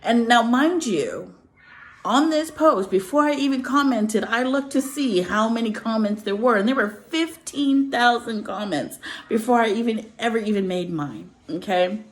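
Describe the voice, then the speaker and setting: A woman's voice: a little high, normal speed. A woman hosting her own channel, talking earnestly and telling stories in a casual, heartfelt way. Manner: earnest, animated storytelling with laughter. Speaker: channel host. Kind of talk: casual spoken reflection.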